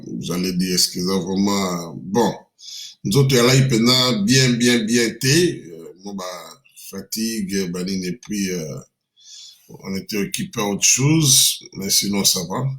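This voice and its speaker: A man hosting a live Q&A, slowly reading out viewers' names and greeting and blessing them. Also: mid-range voice. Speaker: livestream host greeting viewers.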